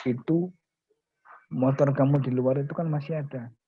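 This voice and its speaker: A man doing a brisk, insistent rich friend. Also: medium pitch, fairly even intonation, phone-quality sound, slight background noise, natural voice.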